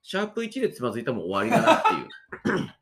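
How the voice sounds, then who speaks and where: A hungover man in his thirties talks quickly through a hoarse throat. He jokes at his own expense in loose podcast banter, his pitch moving around a lot. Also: huge pitch swings, fairly bright tone. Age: 30s. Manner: self-deprecating, joking. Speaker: co-host of a two-man radio-style podcast. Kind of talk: casual comedic chat.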